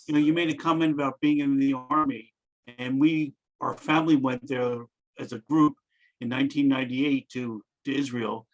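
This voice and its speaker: A man in the audience offers a comment over a video call. His pitch sits mid-range for a man. He speaks in a measured, storytelling way. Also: steady tone, highs cut off. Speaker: audience member. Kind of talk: sharing a comment.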